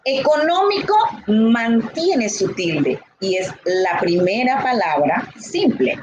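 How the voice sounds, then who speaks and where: A woman teaching a Spanish grammar lesson, talking slowly and deliberately and repeating key points. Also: a little high, very animated, lo-fi sound, background noise. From Dominican Republic.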